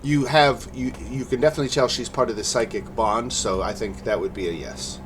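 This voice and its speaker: A man's voice: medium pitch, steady tone, brisk, a bit bright, slight background noise. A man running an online tabletop game as game master, narrating scenes and explaining rules. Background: music.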